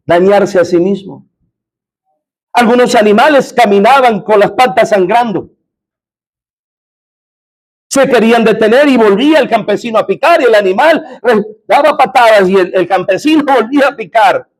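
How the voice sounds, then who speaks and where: A man's voice: very high voice, animated, normal speed. A man preaching a sermon as pastor in a church, often asking the congregation questions.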